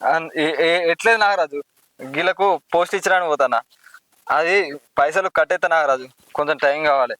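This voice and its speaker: An actor with a Telangana Telugu accent playing a proud young village postman who is quick to get indignant. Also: fairly high pitch, pushed and bright, no echo. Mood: pleading. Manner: pleading, then heated and indignant. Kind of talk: village drama acting.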